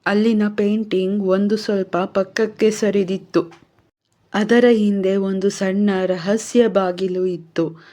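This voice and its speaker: Brief: woman narrator for a horror story, slow and suspenseful, mellow dark tone. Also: medium pitch, steady tone. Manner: measured, suspenseful reading.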